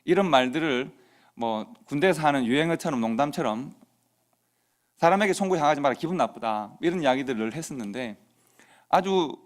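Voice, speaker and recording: A middle-aged man preaching in a church, telling a personal story in a conversational way and acting out the dialogue. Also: on the high side. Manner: conversational anecdote with quoted dialogue. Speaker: pastor. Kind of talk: sermon storytelling. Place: church sanctuary.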